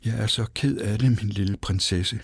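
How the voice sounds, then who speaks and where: Guy doing a shaky nervous hunter, low and muttering, kinda stammery. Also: slightly rough, dry recording, studio quality. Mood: sorrowful. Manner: stammering, subdued. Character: timid royal hunter, kind and stammering.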